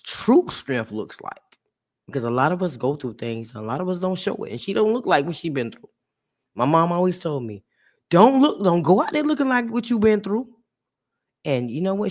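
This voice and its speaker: A woman hosting a podcast, chatting warmly and casually with a guest and her listeners, laughing often. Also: rumbling low. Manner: animated, laughs often, talks to listeners as y'all. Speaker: podcast host. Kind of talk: casual heartfelt chat.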